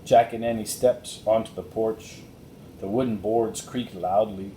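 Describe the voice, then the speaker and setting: A man gives a careful, expressive reading of a children's storybook, narrating a scripted chapter book aloud. The audio has faint background noise, some rumble, and a roomy echo.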